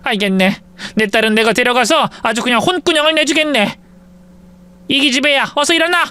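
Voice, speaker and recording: A man's voice: very high-pitched, fairly quick, pushed and bright, smooth, voice pushed up. A man voicing an older mother-in-law who pleads and scolds in old-fashioned speech. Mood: fretful.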